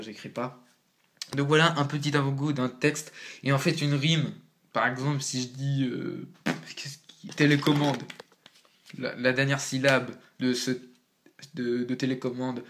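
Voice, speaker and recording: A man talks through a casual home-made tutorial at a middle pitch. His speech is slangy and loose, and he works things out aloud as he goes. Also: fairly even intonation, unhurried, a bit bright, slight background noise. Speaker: amateur rapper explaining rhyme.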